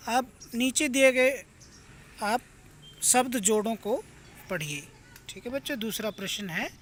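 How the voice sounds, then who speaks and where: A man's voice: high-pitched, fairly bright tone. A male teacher explaining a textbook lesson to children, patient and repetitive, often addressing the class directly. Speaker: school teacher.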